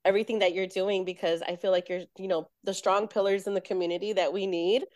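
A woman's voice: mid-range voice, fairly even intonation, fast, dry recording, clean studio sound. A woman hosting an interview, praising her guest in a gushing way with lots of "you know" fillers. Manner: gushing, warm-hearted praise with many fillers. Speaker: host. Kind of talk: casual interview chat.

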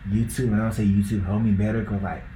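Fast and flat, with a lowish voice, this young podcast co-host from Ghana chats casually in a Ghanaian accent, filling his loose talk with likes and bros. The sound is reverberant over a noisy background.

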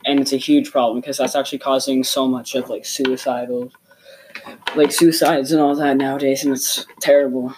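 Teen male podcast co-host, mid-pitched, casual filler-heavy talk, faint hiss. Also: little pitch movement, normal speed, a little mellow, poor audio. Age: teens.

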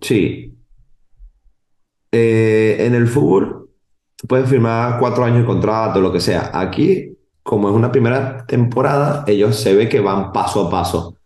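A man's voice: mid-range voice, unhurried, echoey room. A man, a footballer, telling stories in a casual podcast interview and acting out other people in quotes. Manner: animated storyteller, voices others in quotes. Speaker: footballer guest.

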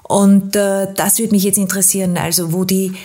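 A woman's voice: medium pitch, level tone, normal speed, warm tone, soft background music. A woman hosting an interview podcast, asking long, winding questions with frequent hesitations. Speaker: podcast host.

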